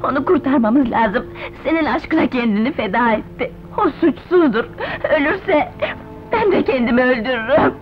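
A woman's voice: sits high, moderate pace, faint music behind, lightly acted. An actress playing a fiery young woman who defends her wronged sister, dubbed in a 1970s film style and hurling accusations. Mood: pleading. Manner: accusing, shouting insults. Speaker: film character. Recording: dull old film soundtrack with loud score.

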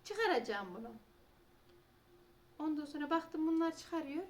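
A woman's voice: high voice, lively intonation, a little slow, a little mellow. A woman, chatting casually and rambling in a home vlog, sometimes talking to her cats. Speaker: vlogger.

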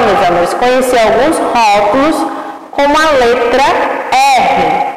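A woman's voice: a little high, slight background noise. A woman teaching young children to read, sounding out syllables patiently and affectionately. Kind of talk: early literacy lesson for children. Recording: echoey room with long reverb.

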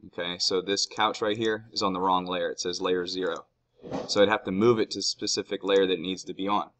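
Guy teacher doing a screen tutorial, low-ish voice but crisp and bright, calm walk-through, mouse clicks. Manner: calm step-by-step explaining. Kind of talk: screen-recorded software tutorial.

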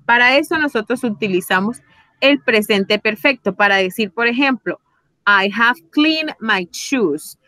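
Woman teacher, bright clear voice, dry close sound. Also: fairly high pitch, no echo. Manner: patient, checks in often with questions. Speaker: English teacher. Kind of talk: online class teaching.

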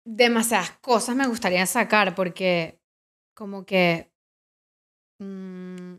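A woman, a guest in a casual interview, talking candidly and bluntly with a sarcastic edge and drawn-out words. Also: medium pitch, fairly even intonation, a bit bright. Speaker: guest, adult performer and comedian.

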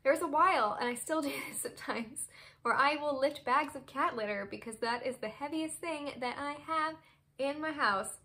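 Bright-voiced chatty young woman vlogger. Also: sits high, normal speed. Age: 20s. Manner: chatty, expressive, gesturing with hands. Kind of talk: casual chat to camera. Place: bedroom, seated on a bed indoors.

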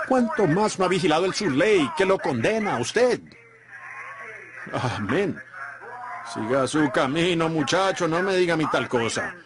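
Emphatic man voicing a dubbed sermon. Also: on the high side. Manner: emphatic preaching cadence with repeated asides. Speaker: Spanish voice-over reader of a sermon. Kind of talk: sermon read as a dubbed voice-over.

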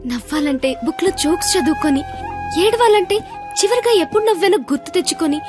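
An actress playing a shy, studious young college girl who talks softly and confidingly in a film scene. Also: very high-pitched, expressive, fast talker. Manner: soft, confiding, bursts into shouted insults. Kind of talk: film dialogue. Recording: film audio with music behind.

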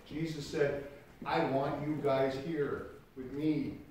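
A male pastor with a head cold, preaching conversationally and swinging between loud emphasis and quiet, low passages. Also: fairly even intonation, slow, slight background noise. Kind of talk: sermon. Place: church sanctuary. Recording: echoey church from far off.

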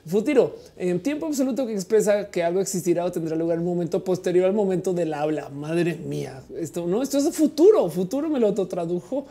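A livestream host in her forties reads chat messages in a casual, playful way, heavy on fillers. She sounds animated and warm, speaking quickly in a lowish voice with hardly any pauses.

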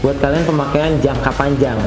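A young adult product reviewer chats through a piece of gear in a slangy, enthusiastic, upbeat way, his tone steady and his speed normal. He sits before a plain blue studio backdrop, and his lapel mic catches roomy echo with background music clearly underneath.

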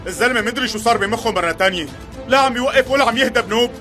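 A man's voice: very high voice, very fast. A dubbing actor playing an anxious man, coaxing and pleading with a troubled relative. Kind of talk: dubbed TV drama acting. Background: music.

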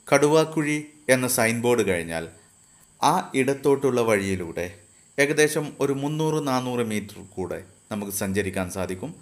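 A man reads a scripted travel voice-over. His delivery is steady and informative, like a guide explaining the way. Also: fairly low pitch. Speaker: travel vlogger narrating.

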